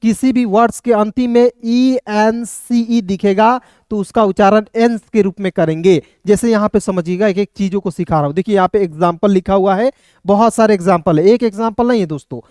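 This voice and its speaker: A male online language teacher with a smooth, resonant voice, recorded close and dry. He spells words out letter by letter, keeps addressing his viewers as friends, and asks questions that he then answers himself. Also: high voice, a little fast, a little mellow, no echo. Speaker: English teacher.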